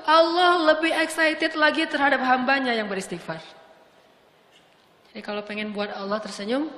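High-pitched lady doing a jokey casual sermon, long echo like a big hall. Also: fairly bright tone, a little hiss or hum. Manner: playful, jokey storytelling. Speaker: preacher. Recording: echoey hall with long reverb.

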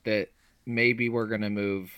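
Low voiced guy, kinda hoarse, podcast co-host cracking dry jokes. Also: little pitch movement, unhurried, fairly bright tone. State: hoarse, losing his voice. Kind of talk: casual sports podcast chat.

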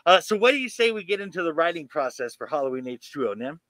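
High, bright-voiced eager podcast man. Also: big pitch swings, fast talker, dry recording, rough recording. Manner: eager, rattles off lists of names and dates. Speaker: podcast co-host. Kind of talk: casual chat reading background facts.

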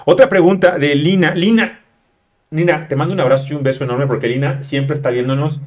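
A man's voice: on the high side, a little fast, a little mellow. A man from Mexico with a Mexican Spanish accent, hosting a casual talk show, chatty and slangy as he reads viewer questions. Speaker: host. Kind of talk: casual interview chat.

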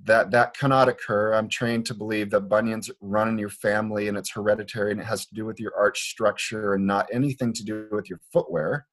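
A man's voice: fairly low pitch, steady tone, a little fast, hardly any pauses, a bit bright. A man from Liberia, a foot doctor, explaining his views in an earnest, conversational way with frequent restarts. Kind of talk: conversational interview. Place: Portland, Oregon clinic.

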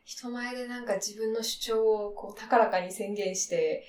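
A young woman in her twenties co-hosting a casual podcast, often pausing to search for words. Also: medium pitch, steady tone, far from the mic, a crowd in the background. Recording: roomy, off-mic.

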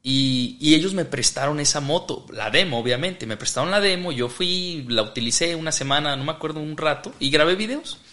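A man's voice: fairly high pitch, lively intonation, a little fast, hardly any pauses, sharp tone. A man, a motorcycle vlogger guest, telling a story in casual chat and acting out the quoted lines. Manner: laughs often, acts out quoted dialogue.

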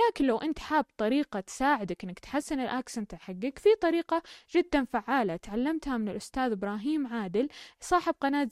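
A woman's voice: sits high, a little mellow, no room sound. A woman hosting a casual spoken language lesson. She talks chattily and explains things step by step into a close mic. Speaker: language-learning podcast host. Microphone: close mic, recorded voice message.

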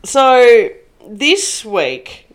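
A woman's voice: a little high, very animated, drawn-out words. An Australian woman co-hosting a podcast in casual chat. She is chatty, laughs often and swears casually. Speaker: podcast co-host.

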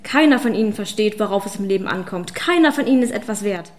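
A woman's voice: on the high side, lively intonation, moderate pace, natural voice. A woman reading an audiobook, voicing a fierce, power-hungry female witch who hisses and commands. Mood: fanatical. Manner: hissing, commanding, then shouting.

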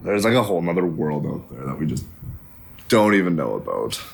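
A man's voice: extremely low pitch, very animated, brisk, creaky, husky, soft background music. A young man co-hosting a casual podcast chat, laid-back and reacting with a lot of swearing. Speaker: podcast co-host.

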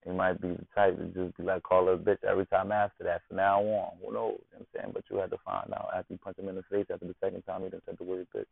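Deep gravelly man, tinny and dry. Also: level tone, very fast, few pauses, no room sound. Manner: slangy, constantly asks "you know what I'm saying". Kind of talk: casual monologue. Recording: tinny phone-like dry sound.

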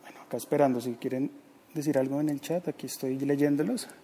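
A man's voice: mid-range voice, steady tone, a little fast, mellow, a little hiss or hum. Chatty Bogotá-accented man podcaster. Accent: Bogotá Colombian. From Colombia. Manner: chatty, reads viewer comments aloud. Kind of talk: live podcast chat. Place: company office.

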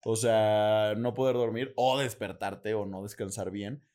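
A man's voice: on the low side, fairly even intonation, measured pace, darkish tone. A man with a Mexican accent, co-hosting a casual chat, joking, slangy and laughing often. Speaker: podcast co-host.

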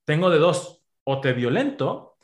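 A man with a Mexican accent in a podcast conversation, explaining ideas with everyday examples in an animated way. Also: on the high side, a little slow. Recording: roomy echo.

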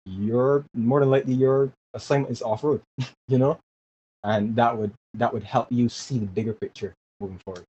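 Warm, steady and mid-range, with slight roughness, this young Barbadian guest in his 20s speaks at normal speed. He's earnest in the casual interview, repeating words while he gathers his thoughts, over dull, lo-fi remote audio that hisses faintly.

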